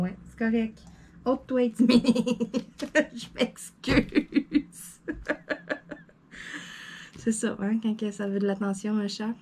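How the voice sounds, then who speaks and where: Québécois woman chatting at her desk, warm mellow voice, playful, rambles with lots of euh's. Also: mid-range voice, slight background noise. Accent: Québécois French. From Quebec. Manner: often laughs and talks to her cat. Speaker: crafting vlogger. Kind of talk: casual chat to camera. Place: home desk, indoors.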